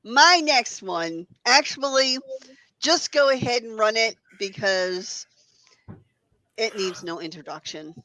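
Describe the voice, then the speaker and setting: A woman's voice: on the high side, expressive, slow pace, pushed and bright, no echo, rough recording. A woman presenting clips on a casual talk show, mixing loose chat with prepared notes. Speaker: guest presenter of horror-host clips.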